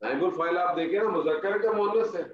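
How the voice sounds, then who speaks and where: A man's voice: sits high, a loud crowd. A male Arabic grammar teacher giving an online class, patiently drilling students with repeated example sentences. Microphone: online call audio. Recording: dull roomy call audio with faint noise.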